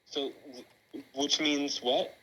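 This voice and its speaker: A man's voice: a little high, steady tone, takes it slowly, pushed and bright, poor audio. A man calling in over a speakerphone, talking in an easygoing, polite and slightly puzzled way. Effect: heard over a speakerphone. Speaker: friend calling in. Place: at his parents' house.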